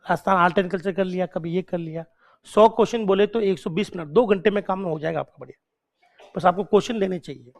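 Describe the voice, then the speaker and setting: In a high voice, a male lecturer slowly drills the main points of a class, repeating them and firing questions at students. His manner is coaxing and encouraging, urging them on.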